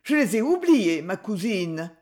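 Woman doing a shy sweet young girl, raised light voice, soft and earnest. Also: mid-range voice, big pitch swings, measured pace. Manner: soft, earnest, a little shaky. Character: timid, gentle young woman, orphaned. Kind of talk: audiobook reading.

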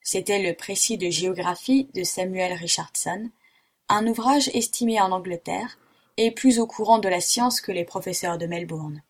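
Woman audiobook narrator, husky, steady storybook reading. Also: medium pitch, moderate pace. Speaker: audiobook reader.

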